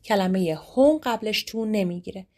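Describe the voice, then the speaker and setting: A woman whose accent is Persian teaches an English grammar lesson, her voice medium in pitch and dark in tone. Explanations are quick; the English examples are read slowly and with clarity.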